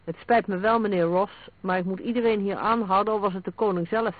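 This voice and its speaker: A man's voice: high voice, fairly even intonation, a little fast, no echo. A man voicing a polite but stubborn police constable who apologizes yet holds firm. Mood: apologetic. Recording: narrow phone-like sound.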